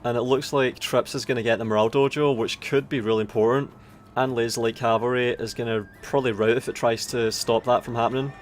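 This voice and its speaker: A man with an Aberdonian Scottish accent giving casual, sweary live commentary on a strategy game, thinking aloud in a halting way. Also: mid-range voice, fairly even intonation, faint music behind. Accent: Aberdonian Scottish (Doric). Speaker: esports tournament commentator. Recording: background noise of game battle ambience. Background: strategy game battle sounds.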